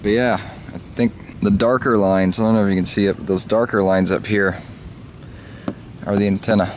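This car vlogger from the southern United States speaks at a moderate pace, his voice fairly low and steady in tone. Out at his car's open trunk, he chats casually and thinks aloud, offhand and a touch profane. A handheld phone or camera captured it, noisily, with clicks and clunks throughout.

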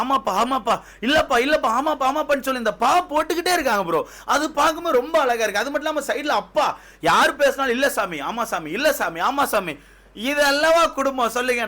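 Fast-talking high-voiced young man commentator. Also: sharp tone. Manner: chatty and emphatic, keeps calling the viewers bro. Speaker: reality show commentator. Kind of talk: casual commentary to viewers.

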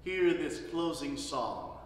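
Slow solemn man pastor, long cathedral echo, mic far off in a big church. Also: fairly high pitch, lively intonation, a little hiss or hum. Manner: measured, solemn, phrases fading softly at ends. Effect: cathedral-like echo, long church reverb. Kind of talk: Ash Wednesday sermon and liturgy. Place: large church. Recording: distant mic in echoey church hall.

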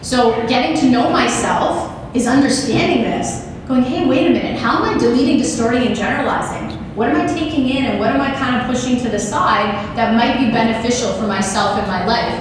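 Woman doing a keynote at a podium mic, slightly high voice, big echoey hall. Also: fairly quick, hardly any pauses, noisy background. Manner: energetic, asks the audience questions, gestures a lot. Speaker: keynote speaker. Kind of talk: motivational keynote talk. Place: large banquet hall with audience. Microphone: podium microphone on a stand. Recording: echoey hall recorded from a distance.

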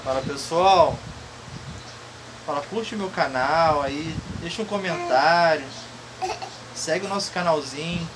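A woman talking playful, coaxing baby talk to her toddler, her voice swooping up high. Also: measured pace. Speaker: parent vlogger. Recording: loud background noise and ambience.

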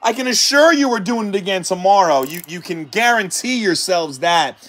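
A man hosting a card-break stream, calmly calling out cards and then shouting in hyped excitement at the big hits. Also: high voice, moderate pace. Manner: hyped, shouting exclamations between calm card callouts.

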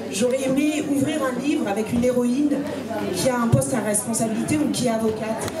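A fairly high-voiced woman from Congo talks earnestly at a live panel, holding a handheld mic. The sound is roomy and picked up from a distance, with music playing faintly behind her. She keeps a steady pace and pauses often to find her words. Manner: earnest, steady, with frequent hesitations. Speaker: author on a panel. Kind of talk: panel talk. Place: small room at a live event. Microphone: handheld microphone. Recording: roomy, from far off.

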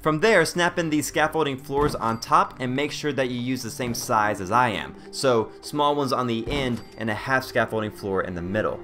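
A man's voice: medium pitch, normal speed, few pauses, pushed and bright, soft background music. A man hosting a casual game tutorial voice-over in a joking, conversational manner. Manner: self-deprecating, joking, conversational. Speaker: video host.

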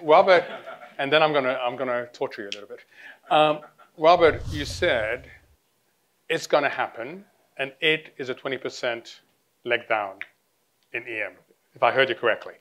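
A man's voice: mid-range voice, normal speed, a bit bright. A man moderating a live conference panel, teasing the guests and pressing them for direct answers. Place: conference stage before a live audience.

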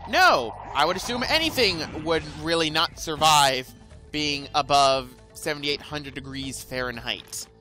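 A man's voice: on the high side, lively intonation, a little slow, sharp tone. A man hosting a let's play, giving rambling, sarcastic gameplay commentary. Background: faint game music.

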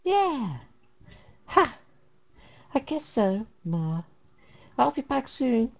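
A man voicing a young son setting off on a journey, in a squeaky high put-on voice, while playing a game. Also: big pitch swings, extremely slow, vocal fry, full character voice. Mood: cheerful.

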